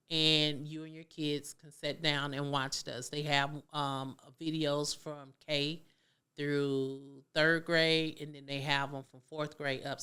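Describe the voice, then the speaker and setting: A middle-aged woman with a low, bright and clear voice gives earnest advice to parents. She talks colloquially and emphatically, often acting out what parents and kids might say. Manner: preachy, emphatic, colloquial, acts out kids' voices. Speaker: parenting talk host.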